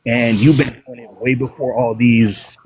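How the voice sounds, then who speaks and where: A man's voice: mid-range voice, flat delivery, moderate pace, darkish tone, husky, dry recording. A male caller of Haitian origin talking as an eager, slangy fan on a bad connection. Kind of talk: casual call-in. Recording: noisy bad phone reception.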